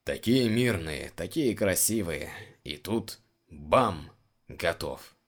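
A man's voice: deep voice, animated, slow, heavily acted. A man reading the lines of a rueful, bluff male guard in his own voice.

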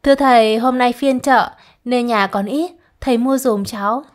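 A woman voicing a young village woman selling rice rolls, deferential and then shrill with fright, in a storybook reading. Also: normal speed, lightly acted.

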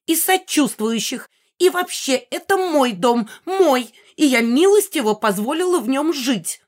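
A woman's voice: high-pitched, lively intonation, normal speed, pitched above the performer's own voice. A woman reading an audiobook, voicing a spiteful old female ghost who screeches and cackles threats. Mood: screaming. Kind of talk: audiobook character voice.

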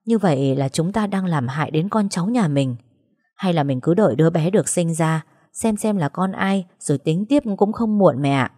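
A woman voicing a calm elder sister who soothes and reasons with her angry mother. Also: lowish voice, moderate pace, no room sound, clean studio sound. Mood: coaxing.

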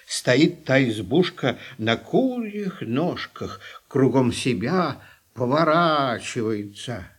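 A man's voice: medium pitch, slightly rough. A man narrating a fairy tale as an audiobook, telling it expressively and without hurry. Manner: expressive, unhurried storytelling.

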